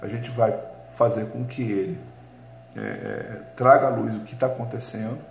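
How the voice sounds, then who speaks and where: A man's voice: fairly low pitch, normal speed, gravelly. A man coach giving an instructional talk to teachers, full of hesitant fillers, asking and answering his own rhetorical questions. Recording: echoey room with faint hum.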